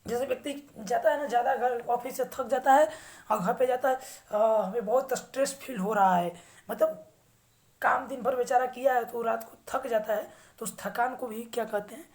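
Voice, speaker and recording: A woman teaching English vocabulary who reads English sentences slowly with an Indian accent and then explains them in Hindi. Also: on the high side, fairly even intonation, darkish tone. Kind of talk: slow English vocabulary lesson.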